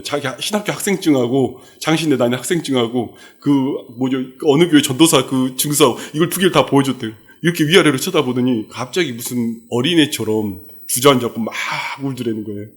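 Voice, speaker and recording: A male pastor giving a midweek sermon, telling stories and acting out the quotes in them. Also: mid-range voice. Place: church sanctuary.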